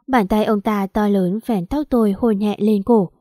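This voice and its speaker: Woman audiobook narrator, first-person story, mellow warm tone, dry close sound. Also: medium pitch, normal speed, no room sound.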